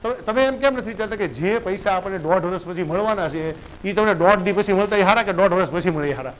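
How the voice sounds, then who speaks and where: A man's voice: high voice, fast talker, a little hiss or hum, rough recording. A man, giving a business coach's lecture and often asking his listeners "right?". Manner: conversational, keeps asking "right?" to check in.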